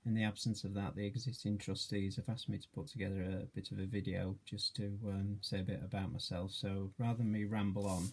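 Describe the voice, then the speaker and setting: Low, gravelly, husky middle-aged man. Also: flat delivery, fairly quick, hardly any pauses, darkish tone. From Yorkshire, England. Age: 40s. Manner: hesitant, many fillers, modest. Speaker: charity trustee and treasurer. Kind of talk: self-introduction video.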